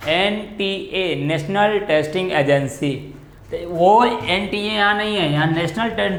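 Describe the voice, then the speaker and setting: A man's voice: high voice, measured pace, reverberant. A man teaching a chemistry lesson, asking questions and answering them himself, stretching out key terms. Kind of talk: classroom lecture on coordination compounds.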